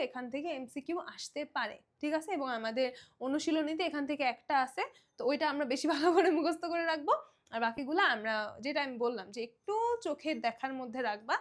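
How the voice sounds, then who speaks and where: A young woman from Bangladesh talks through a grammar lesson for exam students. Her voice sits high, and she explains in a loose, conversational way, slipping in English words and often pausing to check that her students are following. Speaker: teacher. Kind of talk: online exam-prep lesson.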